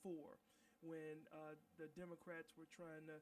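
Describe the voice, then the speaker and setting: A man hosting a radio interview, talking conversationally with lots of fillers and lively anecdotes. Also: on the high side, a little slow, far from the mic, slight background noise, poor audio. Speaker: radio host.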